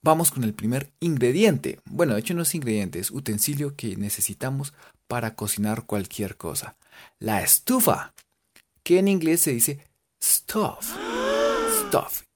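In a casual lesson, a teacher with a Colombian Spanish accent spells out English cooking words one letter at a time, playful and joking. The voice is mid-range and a little mellow.

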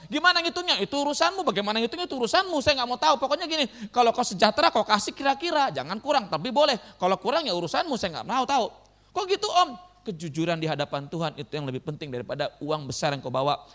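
A man preaching a sermon as pastor, lively and joking with his congregation in a church. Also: extremely high pitch.

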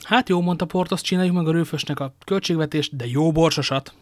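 A man reading aloud, voicing a hot-headed, blustering musketeer who scoffs and grumbles gruffly. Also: on the high side, no echo, close to an everyday voice.

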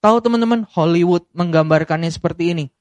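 A high-pitched man delivers a sermon with theatrical energy. He tells stories and jumps into sudden high, loud acted-out moments. The sound is dry and close, with no room echo. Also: fast. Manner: animated storytelling, acts out scenes with sudden high bursts. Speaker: preacher.

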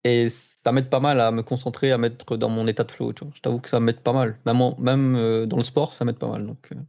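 Mellow, quick-talking man in casual chat. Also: mid-range voice, level tone, vocal fry. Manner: informal. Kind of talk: casual conversation.

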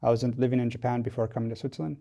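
Rapid-fire yet thoughtful and hesitant, this American podcast guest, a Wisconsin tech company founder, explains things during a casual studio interview. His medium-pitched voice is creaky and warm, with fairly even intonation.

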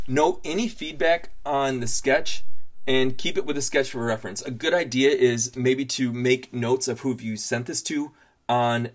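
A man narrating a scripted advice vlog in an upbeat, tidy, emphatic and informal way, laying out points like a tutorial host. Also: medium pitch. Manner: informal, plain-spoken.

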